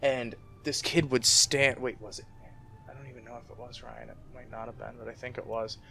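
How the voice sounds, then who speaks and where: A man's voice: mid-range voice, little pitch movement, brisk, gravelly, sharp tone. Profane rambling young man. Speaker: podcast co-host. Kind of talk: casual chat.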